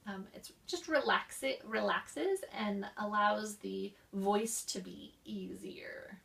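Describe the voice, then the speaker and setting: Slow-talking woman teaching voice exercises. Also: medium pitch, creaky, a bit bright, far from the mic. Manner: demonstrates exercises with coughs, sighs and slow linked speech. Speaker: voice instructor. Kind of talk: explaining voice exercises.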